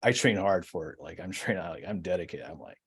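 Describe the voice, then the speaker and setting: A man's voice: low-pitched, expressive, fast, breathy edge. A man in his forties, a podcast guest, telling his story in a reflective, hesitant way with many fillers. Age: 40s. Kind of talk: casual storytelling.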